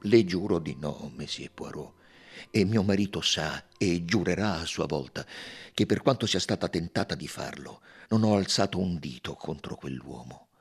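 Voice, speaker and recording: A man's voice: low-pitched, expressive, normal speed, slightly rough, pitched below the performer's own voice, heavily acted. A man voicing a firm, earnest young countess. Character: young countess, proud, then passionate.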